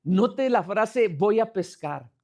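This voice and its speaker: Male pastor, high voice, gravelly, preaching, asks the congregation questions. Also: lively intonation, slow pace, a little mellow. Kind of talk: sermon.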